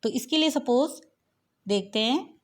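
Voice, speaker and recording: A woman teaching a maths lesson in a fairly high voice. She explains step by step and keeps turning questions back to the viewer. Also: animated, measured pace.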